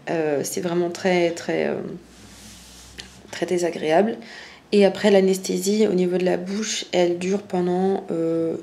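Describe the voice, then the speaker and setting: A woman's voice: on the low side, fairly even intonation, a little slow, creaky, dark tone. A woman vlogger recounting things casually, in a candid and colloquial way. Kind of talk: casual chat, personal recounting. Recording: faint background noise.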